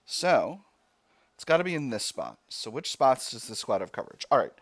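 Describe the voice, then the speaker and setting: A man commentates on his own video game session. His voice sits at an average pitch. He works through decisions out loud, step by step, with mild exclamations. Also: big pitch swings, moderate pace, no room sound. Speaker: let's play host.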